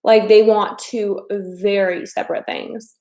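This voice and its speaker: A Midwestern American woman in her thirties works as a dating coach, chatting casually to a live-stream audience. She rambles loosely with lots of fillers and repeated phrases, speaking slowly at a middle pitch with a steady, dark tone. A noticeable echo suggests she's in a reverberant room.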